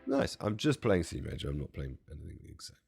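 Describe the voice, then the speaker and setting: A man demonstrating music software from a home studio, his voice strained and close to giving out, chatty and self-deprecating with jokey asides. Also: very deep voice, huge pitch swings, a little fast, vocal fry. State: strained, nearly losing his voice. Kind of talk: casual product walkthrough.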